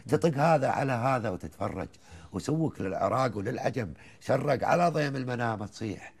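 A man with a Kuwaiti accent, a guest on a TV talk show, reciting colloquial poems in a lively, rhythmic way between bits of chat. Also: medium pitch, a little fast, creaky, slightly rough. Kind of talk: reciting colloquial poetry in conversation.

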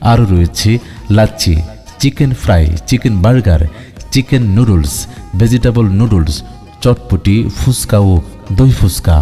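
A man making a promotional announcement over a loudspeaker, declaiming a list of dishes and prices. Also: fairly low pitch, animated, unhurried, pauses often. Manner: declaiming, lists items and prices. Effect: through a loudspeaker. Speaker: advertising announcer. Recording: long reverb with background music.

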